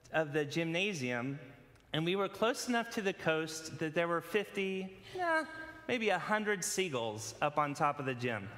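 A man from California preaching a casual sermon with a personal story, relaxed and conversational with many fillers. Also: fairly high pitch. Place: church sanctuary. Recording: long hall reverb.

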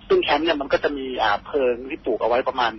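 A man's voice: mid-range voice, slightly rough. Earnest Thai man telling a story by phone. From Thailand. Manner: earnest, halting, polite with many particles. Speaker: caller telling a ghost story. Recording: dull phone line with faint hiss.

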